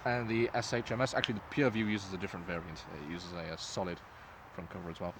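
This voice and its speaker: A man's voice: low-pitched, level tone, racing. Casual man reviewing, faint background noise. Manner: informal, sweary. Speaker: host reviewing gas masks.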